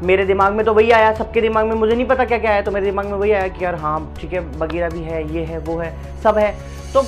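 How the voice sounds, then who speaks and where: A young man vlogging, retelling a camping adventure in a slangy, animated, conversational way full of asides. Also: high voice, fast talker, faint music behind. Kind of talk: casual storytelling.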